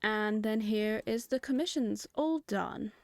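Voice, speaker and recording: A hoarse woman hosting a gaming video, giving chatty, giggly commentary with sudden high excited jumps. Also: a little slow, no room sound, studio quality. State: hoarse, has lost her voice. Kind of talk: casual gameplay commentary.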